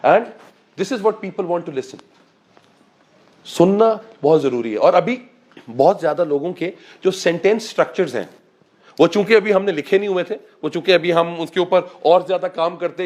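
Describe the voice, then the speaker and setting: Animated man coaching public speaking. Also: fairly high pitch. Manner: animated, mixes Urdu and English, addresses listeners as sir. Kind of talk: motivational talk to a class.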